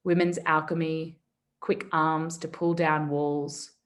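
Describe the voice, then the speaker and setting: A woman reading poetry aloud in a solemn, measured manner. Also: low-pitched, flat delivery. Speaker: poetry reader.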